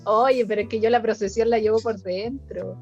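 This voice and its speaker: A woman's voice: on the high side, fairly even intonation, moderate pace, darkish tone, faint music behind. A woman with a Chilean accent, a guest in a casual chat, talking frankly and mocking herself, often laughing. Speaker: guest comedian. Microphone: video call. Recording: dull lo-fi video call audio.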